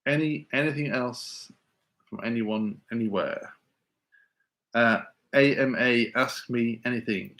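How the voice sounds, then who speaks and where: A man's voice: medium pitch, slow pace, fairly bright tone. Male teacher hosting a casual live Q&A; rambling, stop-start delivery. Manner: rambling, stammering restarts, reads chat aloud.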